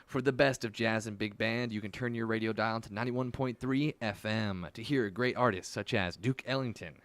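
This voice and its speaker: A man's voice: on the low side, normal speed, a bit bright, dry recording. A man reading a scripted radio promo for a jazz program in a polished way.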